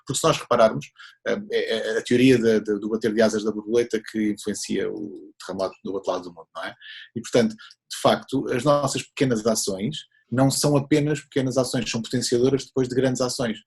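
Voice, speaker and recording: A man's voice: on the low side, fast, vocal fry, slightly rough. A man, a scout leader answering interview questions in an earnest, explanatory way.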